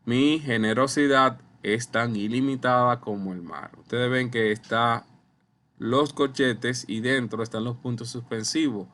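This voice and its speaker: A man teaching a recorded online lesson over slides, explaining slowly and deliberately, speaking straight to his viewers. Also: mid-range voice, fairly even intonation, fairly bright tone. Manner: slow, deliberate explaining, addresses viewers as ustedes. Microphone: computer mic while writing with a mouse.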